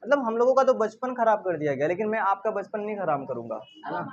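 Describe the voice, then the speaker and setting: A man's voice: high voice, animated, fast. A male teacher giving a grammar lesson, constantly asking rhetorical questions and repeating the key words, with a playful, chiding manner. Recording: dull lo-fi recording.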